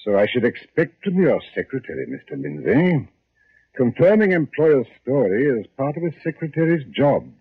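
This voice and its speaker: An actor playing a calm, probing police inspector in a 1950s radio drama, questioning with dry irony. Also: male voice, medium pitch, breathy edge. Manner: measured, dryly ironic questioning. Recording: tinny old radio broadcast recording.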